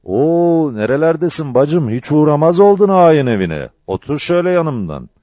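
A man's voice: a little high, big pitch swings, normal speed, mellow, no echo, pitched above the performer's own voice. A man voicing a harsh village landlord who bellows threats. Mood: welcoming. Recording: dull lo-fi dry recording.

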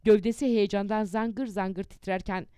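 A woman reading a historical account aloud as an audiobook narrator, in a measured storytelling manner that rises in emphasis for quoted speeches. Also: medium pitch, steady tone, warm tone, clear, resonant tone, dry recording, clean studio sound.

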